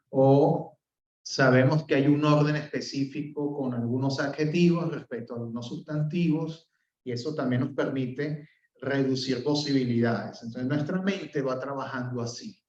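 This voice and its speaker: A man with a Venezuelan accent teaching an open class, explaining step by step, filling pauses with "eh" and checking in with "¿ok?". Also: medium pitch, a little mellow. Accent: Venezuelan Spanish. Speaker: professor. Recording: roomy, distant, dull sound.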